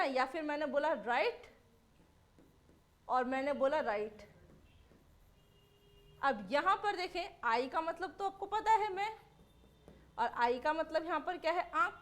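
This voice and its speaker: A woman teacher runs an exam-prep lesson in a high, bright register. Her delivery is chatty: she asks a question, answers it herself, and keeps checking in with tag questions.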